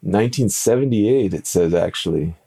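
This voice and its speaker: A man's voice: lowish voice, expressive, normal speed, vocal fry, mellow, husky. A man co-hosting a podcast, telling stories in a casual, upbeat and playful conversational way. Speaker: podcast co-host.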